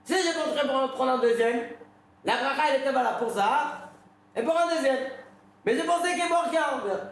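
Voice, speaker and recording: Rabbi guy teaching, really high voice, chatty storytelling, super echoey room. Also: moderate pace. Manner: conversational storytelling, questions the audience. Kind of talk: informal religious lesson with personal anecdotes.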